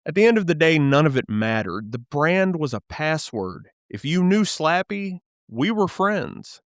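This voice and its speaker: A man's voice: fairly high pitch, very animated, measured pace, dry recording, studio quality. A man in his thirties hosting a podcast, narrating a scripted nostalgic piece in a playful, enthusiastic way with comic asides. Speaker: podcast host.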